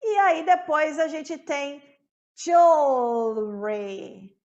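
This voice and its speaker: A Brazilian Portuguese-speaking woman teaching an English pronunciation lesson, saying each word slowly and repeating it several times. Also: sits high, animated, muffled recording. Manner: slow drilling, repeating words several times.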